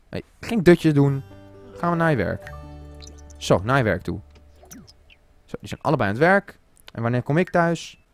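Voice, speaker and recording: Lively man doing casual game commentary. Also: medium pitch. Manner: swears often, mixes in English phrases; talks to the game characters. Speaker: gaming channel host. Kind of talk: Let's Play commentary.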